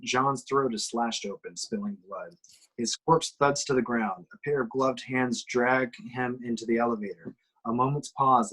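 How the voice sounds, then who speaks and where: A male narrator with a mid-range, slightly bright voice and a breathy edge reads the action descriptions at an amateur table read of a screenplay. The recording is rough.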